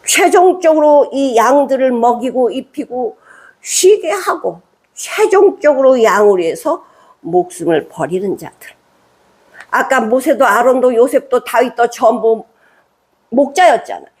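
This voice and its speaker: Woman pastor preaching, kinda high and husky, chatty sermon with lots of questions to the crowd. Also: animated, unhurried, a little mellow. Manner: conversational preaching with rhetorical questions; reads scripture aloud, then explains it in plain speech.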